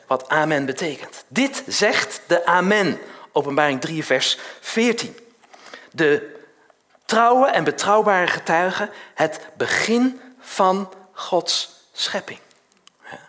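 A male preacher delivering a sermon with a lively, swinging pitch that rises high on key words. He talks emphatically, pressing the listeners with rhetorical questions and tag questions, and stretches out the words he wants to land.

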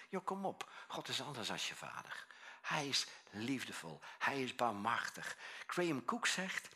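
A husky-voiced male pastor delivers a sermon, with a bright, forceful edge to his voice. He tells stories animatedly, acting out voices, dropping to near-whispers and then rising to loud, high exclamations. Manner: animated storytelling, acts out voices, swings from hushed to shouting.

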